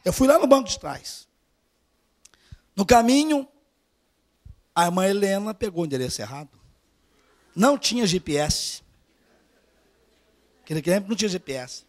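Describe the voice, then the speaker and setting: High-voiced Brazilian male preacher. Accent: Brazilian Portuguese. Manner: animated, swings from hushed asides to loud urging. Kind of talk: storytelling sermon. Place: church service.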